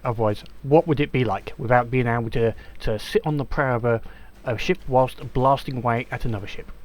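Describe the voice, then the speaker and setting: A man's voice: mid-range voice, a little fast. A man giving casual let's-play commentary, chatty and hesitant with many ums and restarts. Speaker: gameplay commentator.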